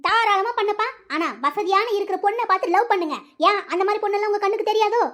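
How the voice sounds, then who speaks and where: Someone voicing a domineering, money-minded cartoon mother who lectures her son. She scolds and bosses him in a very high-pitched voice at a quick clip. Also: a bit bright. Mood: scolding. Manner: scolding, bossy, colloquial. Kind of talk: cartoon voice acting.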